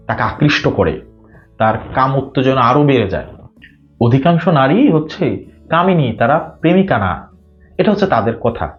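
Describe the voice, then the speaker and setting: A man with a Bangladeshi Bengali accent giving a spiritual talk, arguing with many rhetorical questions. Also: mid-range voice. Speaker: spiritual speaker. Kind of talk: spoken religious talk. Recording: dull lo-fi audio with faint guitar music.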